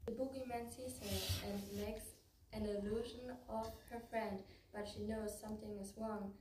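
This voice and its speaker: A young teenage girl with a German accent tells a story in halting English. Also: mid-range voice, fairly even intonation. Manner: halting non-native English. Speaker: student storyteller. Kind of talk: telling a story to listeners. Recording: roomy, distant, faint noise.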